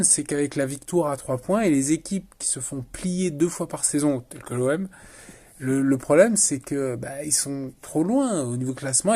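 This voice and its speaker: A man's voice: on the high side, warm tone. Rambling, sarcastic male football vlogger. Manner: rambling, sarcastic, self-interrupting. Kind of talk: casual football commentary.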